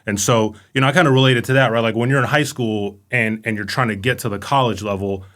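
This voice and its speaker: A middle-aged man, born in Romania and raised in Los Angeles, chats casually as an interview guest and a command sergeant major, peppering his talk with "right?" and "you know." His medium-pitched voice is steady, quick, and fairly bright.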